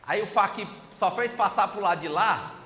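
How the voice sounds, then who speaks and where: Brief: a male storyteller preacher, high and bright voice, asks the crowd questions, hall reverb. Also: moderate pace. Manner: lively, animated storyteller who asks the audience questions. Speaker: speaker at a spiritist meeting. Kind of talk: storytelling sermon. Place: spiritist center meeting hall. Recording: echoey hall, faint noise.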